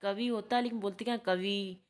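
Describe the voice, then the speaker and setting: A woman's voice: mid-range voice, fairly quick, a little mellow. A woman tutor giving a spoken lecture from notes, who keeps posing questions and answering them herself. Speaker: teacher-training tutor.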